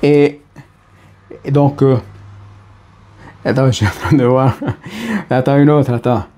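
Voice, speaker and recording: A man's voice: medium pitch, fairly even intonation, takes it slowly, mellow. A middle-aged man with an Italian accent, talking casually to camera about personal growth and often restarting his phrases. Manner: hesitant, restarts phrases, speaks to the listener as tu. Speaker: personal development speaker.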